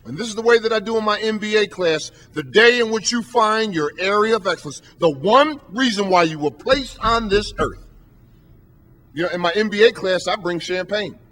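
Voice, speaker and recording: A man's voice: sits high, animated, normal speed, fairly bright tone. A man giving a motivational speech from a podium, emphatic and preacher-like, driving his points home with rhetorical questions. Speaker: motivational speaker and professor. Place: stage at a podium.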